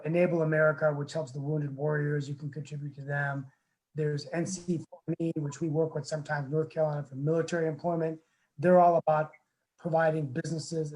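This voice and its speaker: A town council member with a fairly high, slightly mellow voice hosts a casual webinar over a video call. He speaks earnestly but rambles, with lots of fillers and restarts, and the audio is poor.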